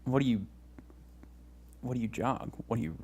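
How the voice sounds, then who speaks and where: A man's voice: mid-range voice, lively intonation, moderate pace, darkish tone, breathy edge. A young man co-hosting a comedy podcast in casual chat, rambling and giggling with lots of restarts. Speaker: podcast co-host.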